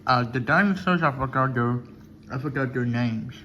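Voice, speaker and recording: There is clear noise on this amateur recording of a man with a medium-pitched voice. He chats casually as the host of a tasting video. His remarks come in short, repetitive mutters between bites. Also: normal speed, pushed and bright. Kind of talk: casual mukbang chat with food reactions.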